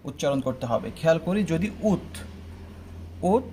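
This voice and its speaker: A man's voice: a little high, big pitch swings, moderate pace, mellow, a little hiss or hum. A young man teaching pronunciation rules step by step, often checking in with his students. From Bangladesh. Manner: explains step by step, often asking "ঠিক আছে?". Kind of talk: online admission-test pronunciation lesson.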